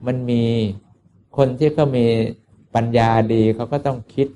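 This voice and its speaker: A man, a Buddhist monk, telling a moral tale in an unhurried sermon with frequent filler sounds. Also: medium pitch, fairly even intonation, warm tone, slight background noise. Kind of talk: storytelling sermon.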